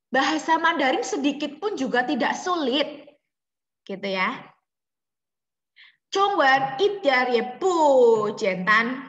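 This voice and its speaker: A woman teaching a Mandarin class over a video call, explaining slowly and repeating examples. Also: fairly high pitch, a bit bright, highs cut off. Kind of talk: online class lesson. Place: home room on a video call. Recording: echoey room with long reverb.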